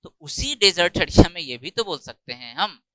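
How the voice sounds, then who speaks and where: A man with an Indian accent teaching an English grammar lesson, explaining step by step and repeating words slowly for emphasis. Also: sits high, big pitch swings, fairly bright tone, dry recording, low-quality recording. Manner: explains step by step, voices student doubts himself. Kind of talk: classroom lecture.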